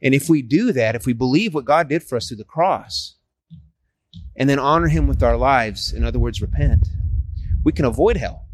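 Talking casually with a stranger, a man in his forties works as a street evangelist, sharing his faith earnestly and persuasively and often restarting his sentences. He speaks at a normal speed in a mid-range voice with lively intonation.

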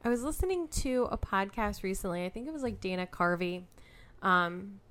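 Clear-voiced woman podcast co-host. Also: medium pitch, expressive, normal speed, fairly bright tone. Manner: searches for words with fillers. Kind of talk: casual film discussion.

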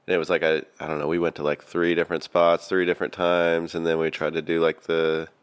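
A man's voice: low voice, little pitch movement, fast, smooth. A young man in casual chat, hesitant and self-doubting, often trailing off. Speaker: skater in the video.

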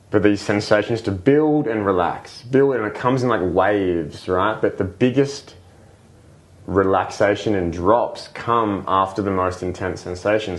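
A man, a breathwork coach, explaining things patiently as a podcast guest, with lots of fillers and "right?" checks. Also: fairly low pitch. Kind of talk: casual explanatory interview talk.

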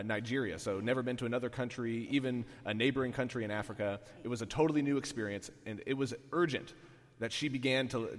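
A man preaching a sermon as the pastor, conversational and full of "uh"s, interviewing a church member. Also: mid-range voice. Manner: conversational, hesitant with many fillers. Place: church sanctuary. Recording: church hall reverb.

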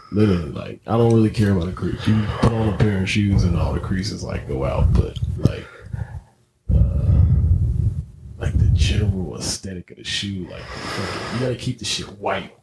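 A young man co-hosting a podcast, cursing and joking through a rambling casual chat full of fillers. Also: gravelly. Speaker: podcast co-host. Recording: noisy low-quality setup.

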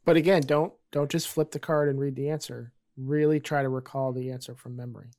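A man's voice: medium pitch, fairly even intonation, brisk, darkish tone. A man hosting a podcast, explaining things in a casual conversational way. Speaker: podcast host.

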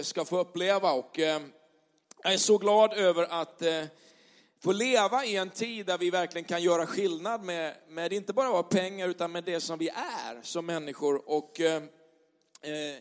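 Swedish pastor guy, high voice, joking around with the church crowd, lots of ehs. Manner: chatty, playful with the congregation, many fillers. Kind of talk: sermon. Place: church service before a congregation.

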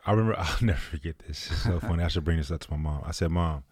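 A very deep-voiced man in his early thirties, relaxed and slangy in casual conversation. The sound is dry and close, with no room around it. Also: rapid-fire, breathy edge, no echo. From Texas. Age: 30s. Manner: laid-back, slangy, laughs often. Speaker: guest. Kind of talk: casual chat.

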